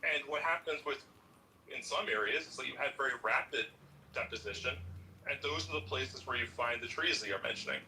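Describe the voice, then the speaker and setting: A man debating a caller, explaining in a measured way and turning forceful when pressed. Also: mid-range voice, far from the mic, slight background noise, poor audio. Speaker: debater defending geology. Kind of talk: call-in debate.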